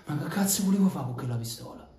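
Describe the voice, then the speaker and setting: A man's voice: a little high, lively intonation, fast, mellow, close to an everyday voice. An actor in his twenties with a Neapolitan accent playing a bitter, angry young man in a dramatic scene. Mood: angry, hurt. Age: 20s. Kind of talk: dramatic screen-acting monologue. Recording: roomy echo, faint background noise.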